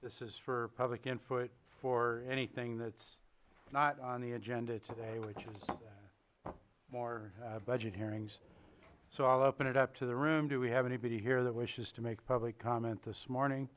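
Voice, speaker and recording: A man's voice: mid-range voice, fairly even intonation, normal speed, a bit bright. Plain-spoken man chairing a meeting. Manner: procedural, plain, with um's. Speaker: board chair. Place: county board meeting room.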